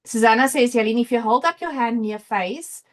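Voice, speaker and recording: South african lady, highish voice, chatty informal live stream host reading comments out. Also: moderate pace. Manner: chatty, informal, thinking aloud. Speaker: livestream host and crafter. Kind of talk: casual live chat, reading out viewer comments.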